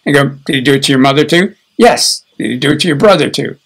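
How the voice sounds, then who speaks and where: An older man teaching a guided healing session in a relaxed, conversational way, chuckling now and then and often restarting his sentences. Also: medium pitch, very fast, vocal fry, slightly rough, rough recording.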